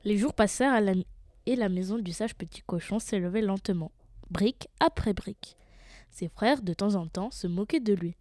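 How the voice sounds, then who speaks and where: A woman narrates a fairy tale with an expressive, animated storybook delivery. Her tone is mellow and warm, and the sound is dry and close. She reads at an even, middle pitch. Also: moderate pace, no room sound.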